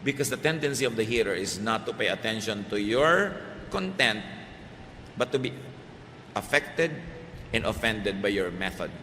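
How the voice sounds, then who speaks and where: A middle-aged Filipino man preaching a sermon, shifting between Tagalog and English and swinging from loud emphasis to soft, quiet lines. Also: on the low side, lively intonation, a little slow, pauses often, slight background noise. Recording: reverberant hall, faint ambience.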